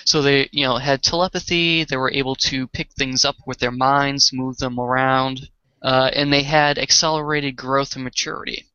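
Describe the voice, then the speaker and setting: A man with a Boston accent co-hosting a podcast, explaining things in a slow, halting way with many fillers. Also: medium pitch, steady tone, bright, forceful tone, clean tone, no echo, dull audio. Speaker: podcast co-host. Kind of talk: casual chat.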